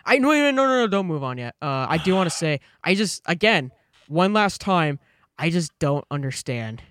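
A hungover young man co-hosting a podcast, chatting casually and haltingly as he searches for words. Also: on the high side, sing-song, fairly bright tone. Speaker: podcast co-host. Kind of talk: casual chat.

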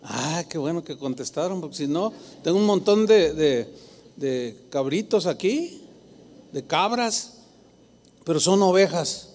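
Mexican pastor, man, lively sermon delivery with acted asides, higher voice, echoing church hall. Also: unhurried. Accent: Mexican Spanish. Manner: animated preaching, mimicking voices of congregants. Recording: long hall reverb.

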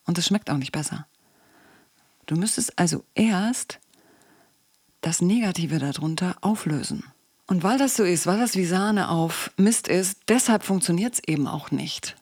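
A woman's voice: on the low side, animated, moderate pace, a little mellow, slightly rough, dry recording, clean studio sound. A woman coach and psychologist hosting a podcast, talking casually and asking the listener questions. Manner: conversational, asks the listener questions.

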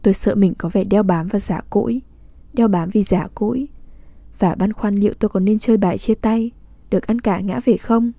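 A woman reads a literary diary aloud, calm and measured in an intimate way. Her voice is deeply mellow and dark, close and dry with no room sound. She keeps an even, unhurried reading tone throughout. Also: no room sound. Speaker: reader.

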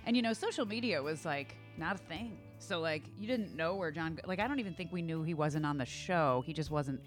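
A woman's voice: low-pitched, fairly quick, faint music behind. A woman co-hosting, telling stories in a casual chat with frequent laughter. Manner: animated, laughing storyteller. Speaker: co-host.

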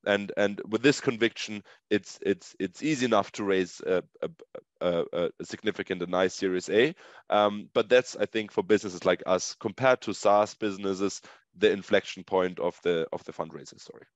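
A man's voice: lowish voice, normal speed. A man, a startup co-founder, answering interview questions conversationally in an explanatory way, often checking in with "right?". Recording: muffled lo-fi audio, echoey room.

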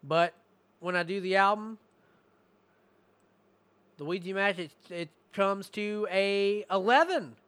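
A man giving a casual, profane album review, rambling and slipping into rapped lyrics, his voice going hoarse. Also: high-pitched, slow, long pauses, a bit bright, no echo. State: losing his voice.

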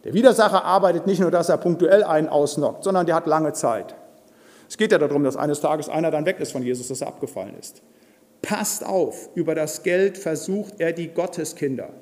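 An older man delivers a forceful, blunt sermon in a church hall. His voice sits high for a man. A long reverb trails his words through the room. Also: brisk. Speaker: preacher.

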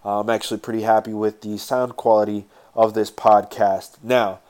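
A man with a lowish voice and very little rise and fall talks casually as a podcast host. His nose is stuffed up from a sinus cold, so he sounds congested and breathes through his mouth as he speaks. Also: level tone, normal speed, a little mellow. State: stuffed-up nose, getting over a sinus infection. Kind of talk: casual solo podcast talk with sponsor plugs.

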